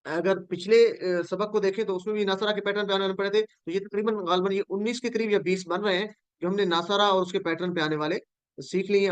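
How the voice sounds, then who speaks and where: A man's voice: high voice, clear, resonant tone, no echo, dull audio. A man from Pakistan teaching Quranic Arabic in an online class, patiently drilling word forms and calling on students.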